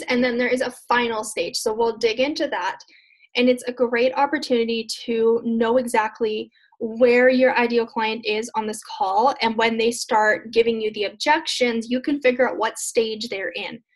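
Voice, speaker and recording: A woman with a somewhat high voice coaches listeners through a casual webinar. She talks in an earnest, chatty way, looping back over her points in loose, repetitive phrases. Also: steady tone, moderate pace. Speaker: business coach presenting a webinar.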